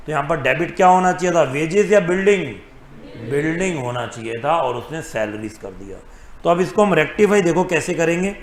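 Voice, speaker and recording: A man's voice: a little high, expressive, a little fast. A man teaching accounting in a classroom lecture, asking the class questions and answering them himself, with English terms mixed in. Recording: echoey classroom.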